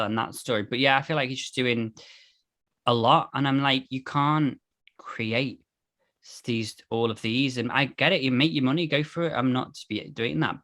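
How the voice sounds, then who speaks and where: Man, casual podcast co-host, chatty and animated, mid-pitched voice. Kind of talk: casual chat.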